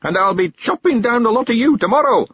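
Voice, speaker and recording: A man narrating an audiobook takes on the role of a stubborn, cheerful countryman of ninety-one, speaking a rustic dialect in a high, quavery voice with drawn-out words. He gives it a full, sing-song character voice that's chatty and slightly rough. There's no echo, and the highs are cut off.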